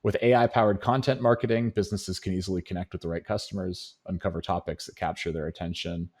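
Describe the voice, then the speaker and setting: A middle-aged man hosting a podcast, reading an upbeat scripted intro and then chatting with a guest in an enthusiastic way. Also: sits low. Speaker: podcast host.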